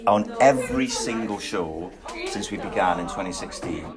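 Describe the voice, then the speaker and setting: A man presents a radio piece in a brisk, chatty way, moving each musician along. He speaks at a mid pitch. Crowd chatter hums around him. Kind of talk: radio interview. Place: busy venue after a show.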